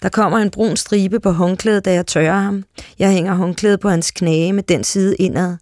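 A reader narrating a literary short story aloud in a calm, steady way. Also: medium pitch, dry recording, clean studio sound.

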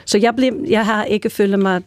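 A woman's voice: medium pitch, fairly even intonation, darkish tone, dry recording. An older woman from the United States with an American accent, chatting as a guest and telling stories with many fillers and restarts. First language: English. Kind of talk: casual chat.

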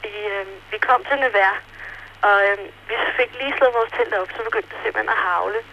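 A woman's voice: mid-range voice, gravelly. A teenage girl on an interrail trip, talking hesitantly with many fillers in a phone interview from a post office. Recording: telephone line with faint hiss.

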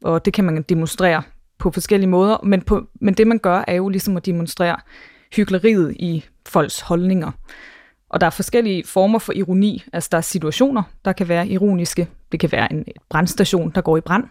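A woman's voice: on the low side, a little mellow, no echo, clean studio sound. A woman who is a stand-up comedian, explaining ideas articulately in an interview.

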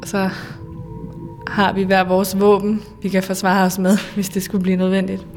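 Brief: woman, middle pitch, measured radio storyteller, faint music bed. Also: completely flat delivery, darkish tone. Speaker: storyteller recounting a hitchhiking trip. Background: faint music under the voice.

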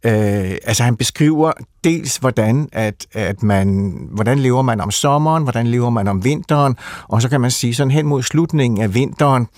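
A man's voice: medium pitch, darkish tone, dry recording, clean studio sound. A man explaining a literary subject in a conversation, thoughtful and hesitant, with many fillers and restarts. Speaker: literature expert guest.

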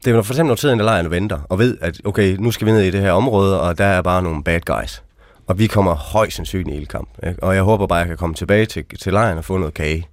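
A man with a very deep, low voice tells his experiences as an interview guest. He talks frankly and casually, often ending sentences with questioning asides. The sound is dry and close. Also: no echo. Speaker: interview guest, army veteran. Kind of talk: casual storytelling.

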